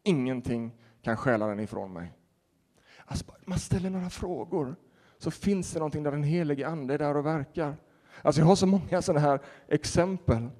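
A man who is a pastor, preaching a sermon and telling stories in a lively way with acted-out quotes. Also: on the high side. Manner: animated storytelling with laughter and acted-out quotes. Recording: reverberant hall.

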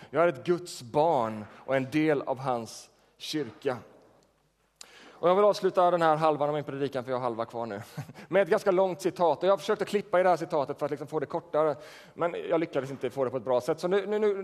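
A male pastor with a fairly high voice, speaking through a microphone in a church sanctuary where the sound hangs in a long reverb. He preaches in a conversational way, stopping to ask the listeners questions and then answering them. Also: a little mellow. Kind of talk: sermon.

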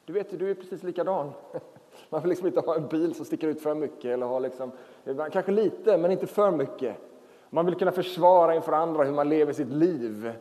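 Chatty preacher in a reverberant church. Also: male voice, fairly high pitch. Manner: relaxed, chatty, many fillers. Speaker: pastor. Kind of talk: sermon. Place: church hall.

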